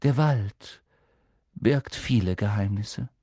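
A man voicing a melancholy, cryptic male centaur in an audiobook, speaking slowly and solemnly. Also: lowish voice, dark tone, slightly rough, dry recording, clean studio sound. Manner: slow, solemn, evasive. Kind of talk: audiobook character voice.

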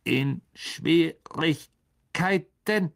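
A man's voice: a little high, gravelly, pitched above the performer's own voice, exaggerated voice. Aragog, a man voicing an ancient blind giant spider. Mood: wary. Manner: slow, hissing half-whisper, drawn out. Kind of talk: audiobook character voice.

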